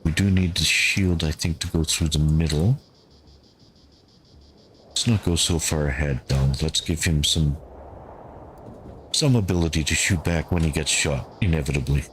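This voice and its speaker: Deep-voiced man calmly narrating gameplay. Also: normal speed, pauses often, a little hiss or hum. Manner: calm, thinking aloud to his units. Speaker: gameplay streamer. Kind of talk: gameplay commentary.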